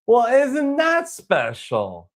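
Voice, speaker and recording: A man's voice: very high voice, huge pitch swings, drawn-out words. A man who grew up in Boston tells his travel story in a casual vlog. He sounds aggrieved, rambles and often restarts his sentences.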